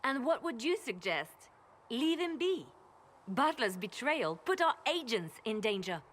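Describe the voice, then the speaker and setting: A woman's voice: fairly high pitch, sing-song, unhurried, a bit bright, a little hiss or hum. An actress playing a cold, ruthless woman spymaster in a video game, clipped and commanding. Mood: stern.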